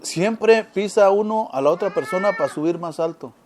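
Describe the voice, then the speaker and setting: A man's voice: high-pitched, moderate pace, darkish tone, slight background noise. A man preaching a sermon, often asking his listeners rhetorical questions.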